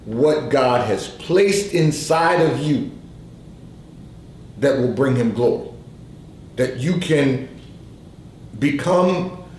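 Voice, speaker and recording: This livestream host gives spoken devotional guidance on faith, his cadence slow and repetitive like preaching; allergies leave him hoarse and clearing his throat. He has a mid-range, darkish voice. The low-quality recording has an echoey room and slight background noise.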